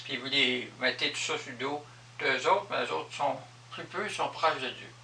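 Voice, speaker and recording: In an echoey room, a man with a Quebec French accent speaks a little away from the microphone, his voice very bright and sharp at medium pitch and a moderate pace. A vlogger, he improvises an explanation of his personal spiritual beliefs, emphatic and full of repetition.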